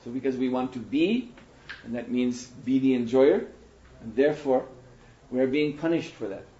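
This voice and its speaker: A man giving a sermon to an audience, telling stories in an animated way, now and then laughing. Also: medium pitch, moderate pace. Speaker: monk lecturer. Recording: dull roomy lecture recording.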